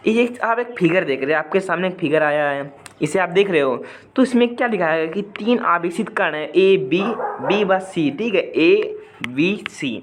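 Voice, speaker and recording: A man's voice: fairly high pitch, slight background noise. A man tutoring physics in a video lesson, talking through worked problems in a chatty, repetitive way and addressing viewers directly. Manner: chatty, repeats points, asks viewers to comment, hums a song line at times.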